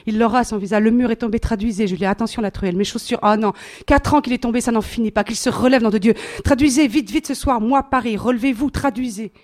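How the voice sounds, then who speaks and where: Woman voicing a fussy male consul, impatient, commanding, slightly high voice, live play reading. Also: fast, darkish tone, lightly acted. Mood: flustered. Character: flustered middle-aged male French consul. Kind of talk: author reading her play aloud.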